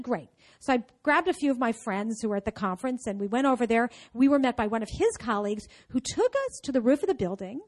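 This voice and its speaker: Lively woman telling a story on stage. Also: on the high side. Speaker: speaker giving a talk; entrepreneurship teacher. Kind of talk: storytelling talk to an audience.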